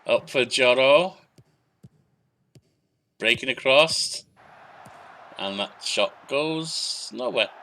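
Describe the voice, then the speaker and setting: A young man with a bright, forceful voice chats his way through a football management game. He calls the passes and shots in quick clipped bursts, then muses aloud about his team and his substitutions. His pitch sits in the middle for a man. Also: animated, slight background noise. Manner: chatty, narrating match play in short bursts, thinking aloud. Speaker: gaming YouTuber. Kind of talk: casual let's-play commentary.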